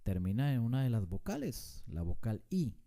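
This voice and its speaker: A man explains a grammar lesson in a slow, deliberate way, leaning hard on syllables to show where the stress falls. His voice is very dark and mellow, and his pitch rises and falls in a lively, animated way. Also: vocal fry. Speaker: teacher.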